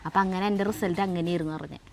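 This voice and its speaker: A woman's voice: fairly low pitch, fairly even intonation, racing, gravelly, a little hiss or hum. A middle-aged woman, telling a story in a chatty way, full of fillers and self-corrections, in a home kitchen. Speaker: co-host of a family cooking vlog. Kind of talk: casual storytelling.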